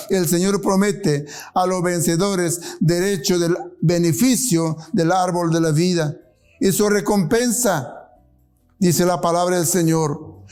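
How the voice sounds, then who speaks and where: Earnest high-voiced preacher man. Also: darkish tone. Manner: earnest, pleading, with slowed emphatic phrases. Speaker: pastor. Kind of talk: sermon and closing prayer.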